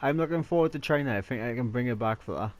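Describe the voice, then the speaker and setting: A man's voice: medium pitch, fast, faint music behind. A young Welsh man hosting a racing game video, chatting casually with a self-mocking, slangy manner. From Wales. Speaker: gaming channel host.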